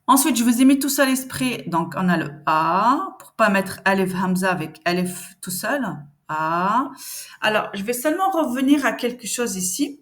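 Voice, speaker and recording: A woman teaching reading in a patient, conversational way, repeating sounds and syllables slowly and answering the questions she expects from learners. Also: on the high side, expressive. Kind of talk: step-by-step reading lesson.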